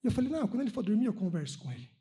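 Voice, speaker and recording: A Brazilian man in his thirties with a very high voice gives a spiritist talk to a conference audience. He tells personal stories with energy and acts out each bit of dialogue in the voices of the people involved. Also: very fast. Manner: animated storytelling, acting out dialogue. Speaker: spiritist lecturer. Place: lecture hall at a religious conference.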